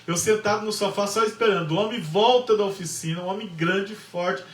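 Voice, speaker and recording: A man's voice: sits high, fairly quick. A man preaching and lecturing, telling a story with emphatic repetition and acted-out dialogue. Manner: emphatic storyteller, repeats phrases, acts out dialogue. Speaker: pastor and lecturer. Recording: echoey room, voice from far off.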